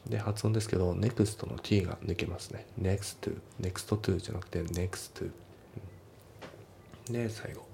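Deep gravelly guy going over english test lines, dark mellow voice, faint hiss behind. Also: steady tone. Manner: methodical, reads English lines slowly then explains in quick Japanese. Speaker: English teacher. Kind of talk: explaining English test sentences.

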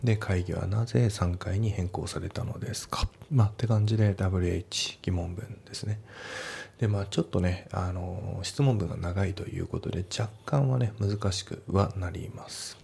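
A man teaching English in a relaxed, explanatory way, talking through a practice question with many fillers. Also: sits low, normal speed, creaky, a little hiss or hum. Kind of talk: casual lesson walkthrough.

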